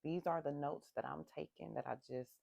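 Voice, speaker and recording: A meditation guide leading an ASMR breathing session, giving slow, gentle instructions and sharing candid asides about their own feelings. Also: mid-range voice, fairly even intonation, vocal fry, no room sound, dull audio.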